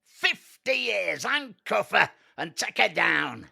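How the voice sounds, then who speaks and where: A man's voice: high-pitched, very animated, vocal fry, sharp tone, slightly rough, heavily acted. A man playing a blustering, pompous old-school judge. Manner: blustering, pompous, quick to sentence. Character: harsh bigoted male judge handing out absurd sentences.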